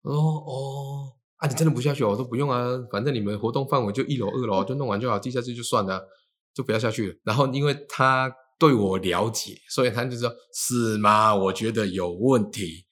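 A man's voice: medium pitch, brisk. A man, a feng shui teacher telling stories in casual chat and acting out the quoted dialogue. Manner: animated, acts out quoted dialogue.

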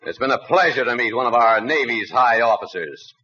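Lively, well-spoken old navy officer. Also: male voice, medium pitch, fairly quick. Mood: courteous. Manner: courteous, proper, well-spoken. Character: hearty, well-spoken older former naval officer. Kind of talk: 1940s radio comedy acting. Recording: noisy muffled 1940s radio recording.

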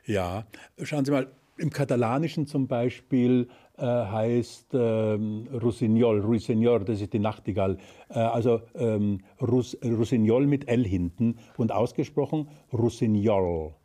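This expert guest, an older German speaker who is fluent in Spanish, lectures on history in conversation with plenty of hesitant fillers. His dark, mid-range voice moves a little slowly yet with hardly any pauses.

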